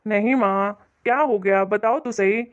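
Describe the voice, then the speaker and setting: A woman voicing a grown son in an animated cartoon, a mild shopkeeper who placates his mother. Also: medium pitch, a little slow, close to an everyday voice. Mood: placating. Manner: placating, reasonable. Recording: dull lo-fi audio.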